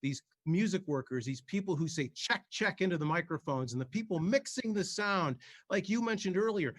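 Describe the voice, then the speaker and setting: A man's voice: high voice, animated, fairly quick, dry recording. A man hosting a live benefit broadcast, announcing the lineup in a polished way. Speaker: broadcast host.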